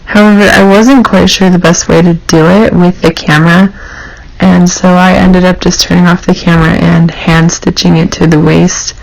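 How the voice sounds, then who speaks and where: A woman's voice: on the low side, flat delivery, normal speed, vocal fry, poor audio. A young woman hosting a craft tutorial, narrating informally and explaining each step in a casual way.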